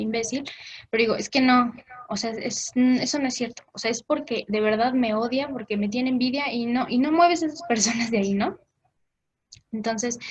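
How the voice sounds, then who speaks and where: A woman's voice: on the high side, muffled recording. A woman gives an informal talk on forgiveness, speaking conversationally with many fillers and briefly acting out the voices she quotes.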